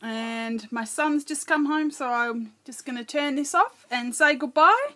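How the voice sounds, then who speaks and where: A woman's voice: high-pitched, animated, measured pace, sharp tone. A middle-aged woman casually narrating her scrapbooking as she works, thinking aloud and correcting herself as she goes. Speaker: craft video host.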